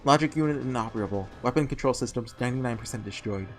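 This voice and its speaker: A man voicing a failing machine god in a game, reading its breakdown as a flat, clipped system-error readout like a glitching robot. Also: mid-range voice, racing, soft background music, lightly acted. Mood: cold, failing. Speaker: let's-play streamer reading game dialogue aloud. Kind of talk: reading game text aloud during a playthrough.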